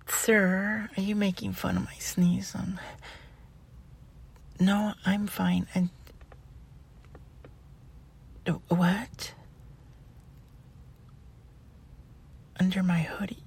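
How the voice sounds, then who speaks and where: In an ASMR role-play, a woman plays a flustered, polite college student delivering food, hesitant, stammering, and apologetic. Her full character voice is breathy and husky, lowish and darkish in tone.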